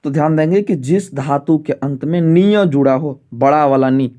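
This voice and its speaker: A male Sanskrit teacher in an exam-prep lesson, who asks himself questions, checks in often, and slows down to spell out word forms. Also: a little high, dark tone. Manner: repeats rhetorical questions and "ठीक है" to check understanding.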